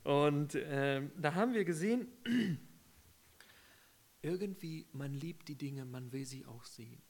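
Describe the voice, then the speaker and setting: A man giving a conversational Bible teaching, asking rhetorical questions and using everyday examples, with frequent hesitations and swings from loud emphasis to quiet, near-whispered asides. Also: on the high side, animated, measured pace. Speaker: preacher.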